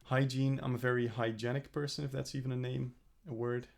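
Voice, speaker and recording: A man's voice: medium pitch, little pitch movement, brisk, creaky. A young man talking through his plans in a casual, earnest vlog, rambling and correcting himself as he goes. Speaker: vlogger. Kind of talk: casual self-reflective vlog.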